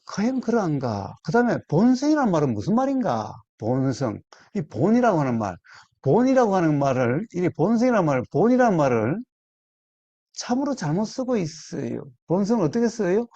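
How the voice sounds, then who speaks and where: Deliberate man teaching meditation, lo-fi. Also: sits high, very animated, warm tone, dry recording. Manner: deliberate, repeats key words, quizzes listeners. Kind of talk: dharma talk to a small group.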